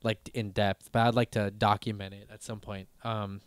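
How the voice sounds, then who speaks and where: A man's voice: lowish voice, level tone, moderate pace, smooth, dry recording. A man in his thirties hosting a podcast, talking casually in a rambling way with lots of fillers, restarts and swearing. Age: 30s. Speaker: podcast host.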